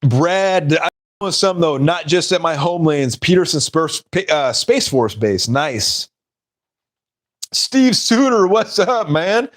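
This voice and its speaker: A man's voice: a little high, lively intonation, slow pace. A man hosting a casual live stream, rambling and laughing at his own stories.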